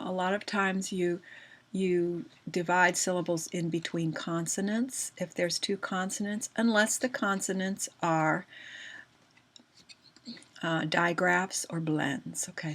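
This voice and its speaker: A woman teacher giving a recorded grammar lesson, patient and slow, often checking in with questions to her students. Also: lowish voice, gravelly.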